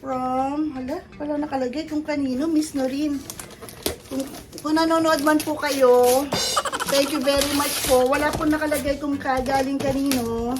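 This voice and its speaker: A woman's voice: high voice, fairly even intonation, moderate pace, background noise. A middle-aged woman with a Filipino accent chatting effusively while unboxing gifts, switching between English and Tagalog. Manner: effusive, mixes English and Tagalog, thanks gift-givers. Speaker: vlogger. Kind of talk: casual unboxing chat.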